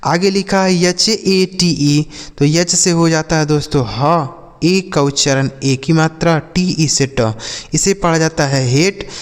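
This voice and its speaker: Guy teaching english words super slowly, spells everything out, kinda high voice, echoey hall sound. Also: clean tone. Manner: spells words letter by letter, repeats each example sentence slowly; addresses viewers as friends, frequent okay checks. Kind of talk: slow spelling-and-meaning lesson. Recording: reverberant room.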